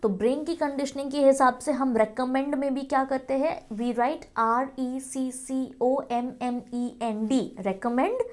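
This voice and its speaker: A woman with a high voice gives a spelling lesson, slowly and carefully spelling English words letter by letter. She switches between Hindi and English, and her unhurried delivery suits a patient tutorial. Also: fairly even intonation, darkish tone. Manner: addresses viewers as friends, frequent "okay". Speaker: English teacher.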